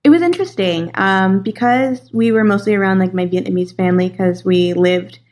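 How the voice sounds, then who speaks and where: A woman's voice: medium pitch, fairly quick, a little mellow. A young woman from Los Angeles, a guest in a casual interview, talking in a chatty way with many fillers and easy laughter.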